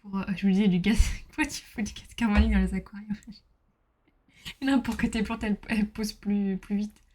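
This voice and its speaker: A woman's voice: medium pitch, level tone, moderate pace, a little mellow. A woman streaming a game, chatting casually with her viewers, reading their messages aloud and bursting into exclamations.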